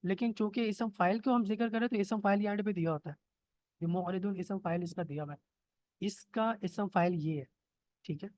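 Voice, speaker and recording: Over a computer mic on a video call, a man with a high, darkish voice teaches Arabic grammar online at a fairly quick pace, with no room sound. He explains patiently step by step and often checks in with his students by asking "theek hai?"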